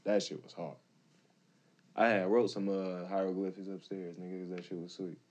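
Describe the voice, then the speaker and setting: A man's voice: sits low, flat delivery, normal speed, a little mellow. A man with a Detroit accent chatting casually as a podcast co-host, rambling with lots of fillers. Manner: laid-back, rambling with many fillers. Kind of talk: casual chat.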